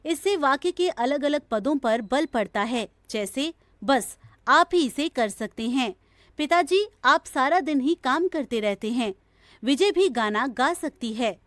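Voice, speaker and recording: A woman reading a grammar lesson from a textbook in a slow, measured, even delivery. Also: high voice, no room sound. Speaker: textbook audio reader.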